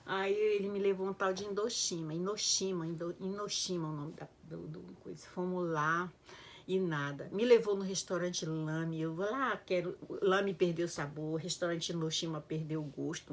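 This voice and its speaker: A woman's voice: lowish voice, moderate pace, a little hiss or hum. Emotional woman. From Belém, Brazil. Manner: emotional, animated, keeps addressing listeners as "gente". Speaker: storyteller recounting her life. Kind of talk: casual personal storytelling.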